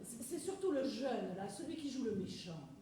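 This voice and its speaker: A woman playing a blunt, fussy theatre critic on stage, speaking in halting repeated starts. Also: fairly high pitch, very animated, mellow. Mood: disapproving. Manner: halting, repeats opening words. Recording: echoey stage, faint noise.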